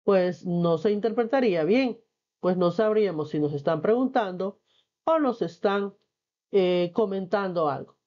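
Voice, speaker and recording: A female teacher walks through textbook exercises in a patient, clear classroom manner, reading the questions aloud and answering them. Her voice sits at an ordinary pitch, and the recording sounds a little dull and muffled. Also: lively intonation, unhurried, warm tone. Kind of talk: textbook lesson explanation.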